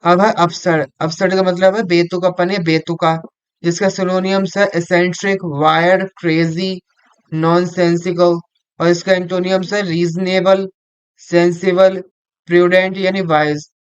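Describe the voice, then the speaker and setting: Man reading vocabulary lists, flat delivery, smooth voice, dull lo-fi sound. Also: high voice, dry recording. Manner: slow, halting list reading with restarts. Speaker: vocabulary teacher.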